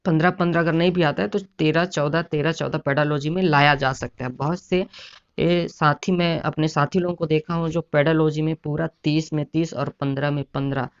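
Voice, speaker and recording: A man's voice: a little high, fairly even intonation, fairly quick, clear, resonant tone. A man explaining exam preparation in a casual lecture, often repeating "है ना" and "साथियों". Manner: repetitive, keeps adding "है ना" and "साथियों". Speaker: exam prep teacher. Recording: dull lo-fi sound.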